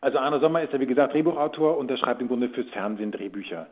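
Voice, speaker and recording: Over narrow-band, phone-like sound, a man talks fast in a medium-pitched voice with a breathy edge. He's a radio drama producer and actor, a guest answering interview questions in a loose, rambling, conversational way.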